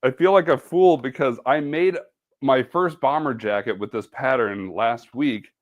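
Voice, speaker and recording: A man's voice: mid-range voice, moderate pace, lo-fi sound. A man giving a casual, chatty live-stream sewing demo, self-deprecating and humming or making little beep noises as he works. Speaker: sewing ambassador.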